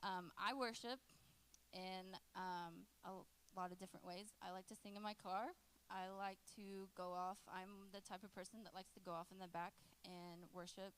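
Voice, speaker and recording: A young woman in her late twenties gives a youth group talk. She is relaxed and jokes with the teens. Her voice sits at a middle pitch. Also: moderate pace, a little hiss or hum, poor audio. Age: 20s. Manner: lively and joking, chatting with teens in the room. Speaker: youth pastor.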